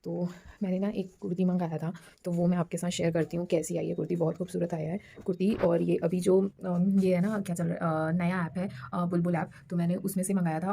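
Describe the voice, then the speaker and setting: A woman chatting casually in a home vlog, a mother who mixes English words into her talk and at times speaks very softly so her baby can sleep. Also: fairly low pitch, vocal fry, breathy edge. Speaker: vlogger and mother. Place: at home, in a room. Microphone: phone camera.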